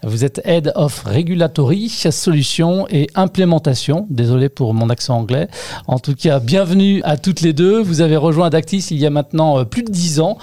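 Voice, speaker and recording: A man's voice: a little high, expressive, fairly quick, dark tone, no echo. A man hosting a podcast, reading a prepared introduction and then interviewing guests with some hesitations. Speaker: podcast host.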